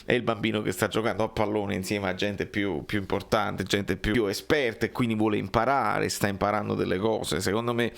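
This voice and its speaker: A man giving casual, animated post-match football commentary for his channel, chatty and joking with viewers. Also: on the low side, brisk, creaky, few pauses. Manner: chatty, animated, repeats words, jokes with viewers.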